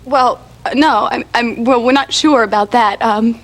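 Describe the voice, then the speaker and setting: A woman's voice: a little high, normal speed. An actress playing an overjoyed young woman in a 1980s daytime soap, breathless and laughing through tears, heard from an old VHS tape recording. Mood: earnest. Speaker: soap opera character, a young wife.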